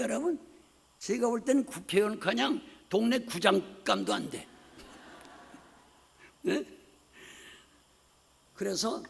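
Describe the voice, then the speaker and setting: An older man preaching a sermon as pastor, telling stories with lively acted-out voices and frequent asides to the congregation. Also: sits high, gravelly, breathy edge. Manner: animated storytelling, acts out quoted voices, frequent "네?" asides. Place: church sanctuary. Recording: long hall reverb.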